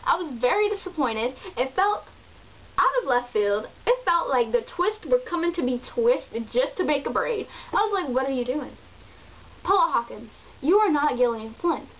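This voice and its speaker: A woman with a high voice chats through her book reviews, animated and exclamatory. The recording sounds dull and lo-fi, with a faint hiss underneath. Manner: animated, exclamatory and chatty, with many fillers. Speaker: book vlogger. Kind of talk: casual book review chat.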